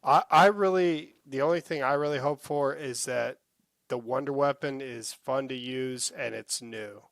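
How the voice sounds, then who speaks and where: Gravelly, higher-voiced man in a dry room. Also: unhurried, no room sound. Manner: excitable, swearing freely. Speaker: podcast co-host. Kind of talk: casual gaming podcast chat.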